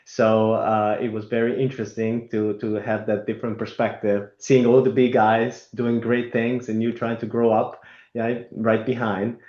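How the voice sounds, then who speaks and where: A man from Italy, speaking as an interview guest in a halting way with many fillers and restarts. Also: on the low side, flat delivery, darkish tone. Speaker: guest, company executive. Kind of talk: conversational interview. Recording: roomy, dull lo-fi remote audio.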